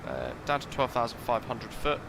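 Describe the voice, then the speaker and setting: A man's voice: mid-range voice, steady tone, normal speed, gravelly, noisy background. A man casually talking through a flight sim live stream, thinking aloud and chatting with his viewers.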